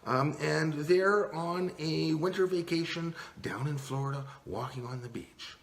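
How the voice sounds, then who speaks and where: A man's voice: on the high side, unhurried. A man teaching communication skills in a casual, earnest talk, with frequent restarts. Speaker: communication coach and mediator. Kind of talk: talking-head teaching video.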